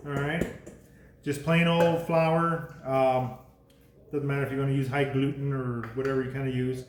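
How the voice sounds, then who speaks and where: A man's voice: mid-range voice, flat delivery, normal speed. A man hosting a casual home cooking demo, rambling and correcting his own slips with a chuckle. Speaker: home cooking show host. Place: home kitchen. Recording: echoey kitchen, clear background noise.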